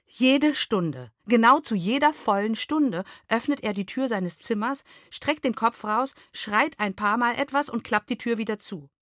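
A woman reading a novel aloud in the first person, measured and expressive. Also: on the high side, dry recording, studio quality. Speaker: reader. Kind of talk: literary reading.

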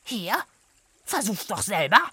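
A woman voicing a greedy, boastful male dwarf who croaks and brags, in a children's audio story. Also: mid-range voice, animated, measured pace, pushed and bright, no room sound, full character voice. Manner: croaking, bragging.

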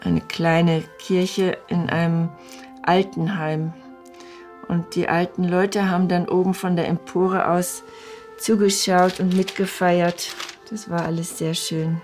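A woman's voice: on the low side, flat delivery, takes it slowly, a little mellow, soft background music. An older woman in her sixties, interviewed and recalling memories in a reflective, slightly hesitant way.

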